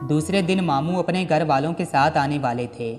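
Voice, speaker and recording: A male storyteller with a somewhat high voice reads a moral tale in a solemn, moralizing manner. His narration rings in a long reverb, with music playing underneath. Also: normal speed.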